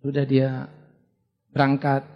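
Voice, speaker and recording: A man's voice: mid-range voice, slow, in a large hall, muffled recording. A middle-aged man from Indonesia preaching a sermon as pastor, joking and acting out dialogue as he goes. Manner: animated, joking, with lively acted-out dialogue.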